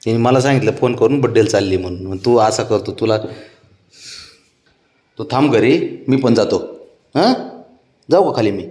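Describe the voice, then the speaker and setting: A man's voice: on the low side, moderate pace, long pauses, a little mellow, roomy sound. A man, talking to his pet cat in soothing, coaxing baby talk. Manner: coaxing, soothing, sing-song.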